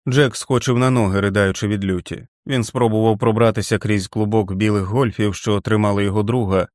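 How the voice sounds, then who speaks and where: A man narrating an audiobook in a steady, dramatic reading. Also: on the low side, fairly quick, no room sound, studio quality.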